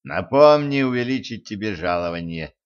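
A man reading a stern, sarcastic immortal man who speaks slowly and low, with dry humor. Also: lively intonation, smooth, dull audio, close to an everyday voice. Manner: slow, low, dryly mocking.

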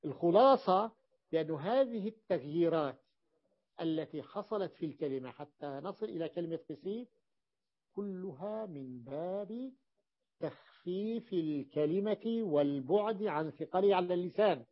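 A man teaching a grammar lesson in a classroom, repeating words slowly and checking that his students follow. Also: high voice. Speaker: teacher of Arabic morphology. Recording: dull lo-fi recording.

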